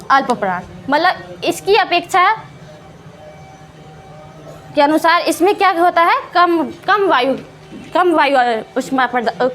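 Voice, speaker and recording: A woman's voice: sits high, a bit bright. A woman teaching Hindi grammar to students, asking questions and answering them herself, repeating each key term and drawing out the example sounds. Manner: drawn-out sounds when showing vowel and consonant examples. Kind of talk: classroom lesson explaining to students.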